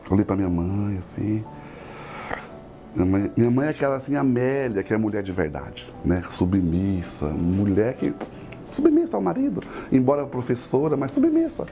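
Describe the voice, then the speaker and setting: Middle-aged pastor with a lively, warm voice. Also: male voice, lowish voice, normal speed, soft background music. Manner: emotional, tearful storytelling. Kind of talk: personal testimony.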